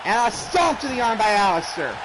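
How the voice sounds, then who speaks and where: A man doing excited play-by-play as a wrestling commentator, exclaiming and often shouting out the moves. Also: high voice, brisk. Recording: clearly noisy background.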